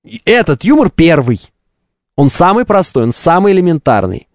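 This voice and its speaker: A man's voice: a little high, very animated, moderate pace, no echo, studio quality. A man hosting a live stream, delivering an opinionated, didactic monologue with emphatic rhetorical questions and ironic asides.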